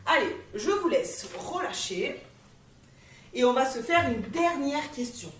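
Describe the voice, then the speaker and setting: A woman fitness instructor guiding a warm-up class, giving encouraging step-by-step cues while she exercises. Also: high-pitched, sing-song, unhurried, a little hiss or hum. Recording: echoey room, voice from a distance.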